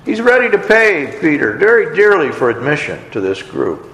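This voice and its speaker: A man's voice: fairly high pitch, huge pitch swings, moderate pace, fairly bright tone. A man preaching a sermon, retelling a story and briefly acting out the characters' lines with expression. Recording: echoey hall.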